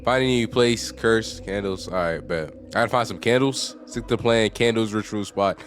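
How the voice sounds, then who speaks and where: A man giving casual, slangy gameplay commentary, reacting out loud in an animated way. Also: fairly low pitch, normal speed, faint music behind. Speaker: gaming video creator.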